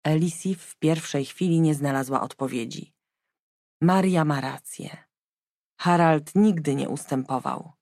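Low, gravelly woman narrating a novel. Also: no echo, studio quality. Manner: even, measured storytelling. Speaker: audiobook narrator. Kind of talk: scripted narration.

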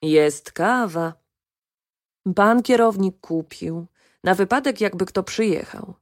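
A woman's voice: medium pitch, takes it slowly, lightly acted. A woman reading the lines of a shy young female helper, timid and eager to please.

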